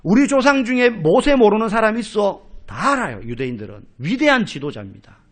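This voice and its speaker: A male pastor preaching an expository sermon in a church, telling stories in an animated way and acting out quoted speech. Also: sits high, brisk. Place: church sanctuary.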